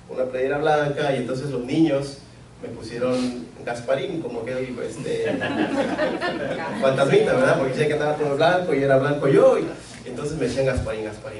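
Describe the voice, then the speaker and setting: Preaching in a church sanctuary, this man from Mexico speaks as pastor with a medium-pitched, somewhat dark voice. He is earnest and repeats important phrases to drive them home. The distant mic picks up the church's echo along with a faint hiss or hum.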